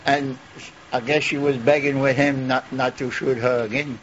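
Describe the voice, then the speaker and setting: An older man with a Cajun accent giving a plain, halting eyewitness account in a folksy way. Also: mid-range voice, level tone, fairly bright tone. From Louisiana. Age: older, about 70. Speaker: eyewitness neighbor. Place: covered porch outdoors. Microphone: handheld TV reporter microphone. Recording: muffled, noisy outdoor TV interview.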